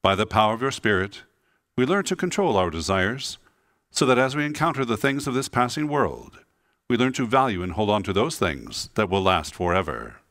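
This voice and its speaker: A man leading the prayers of the Mass as a priest, in a solemn, measured, intoning delivery. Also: on the low side, expressive, fairly bright tone, dry recording, clean studio sound.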